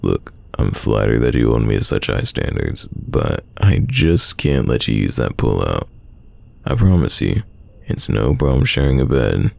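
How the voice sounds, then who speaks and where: Here a man plays a stubborn, teasing young friend in an intimate roleplay audio drama. His very deep, gravelly voice swings widely in pitch and sounds exaggerated, and he speaks casually with many drawn-out sighs, teasing and insistent.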